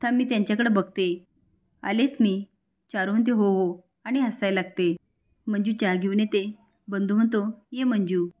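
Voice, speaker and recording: A woman's voice: medium pitch, fairly even intonation, moderate pace, darkish tone. A woman retelling a TV serial episode as a story, reading every character's lines aloud and raising her voice for the quarrels. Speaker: serial recap narrator.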